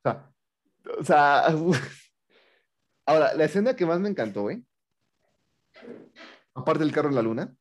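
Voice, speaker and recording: A man's voice: on the high side, expressive, a little slow, long pauses. A man with a Mexican accent co-hosting a movie review show, talking in slangy, incredulous rants in a casual, humorous chat.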